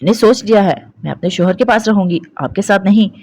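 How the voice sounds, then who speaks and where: A frightened young bride who stumbles over her words and begs to be left alone, as a woman narrator puts her on. Her voice rises high and shakes whenever she speaks. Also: fast talker, warm tone, no room sound, lightly acted. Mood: defiant. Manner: stammering, pleading.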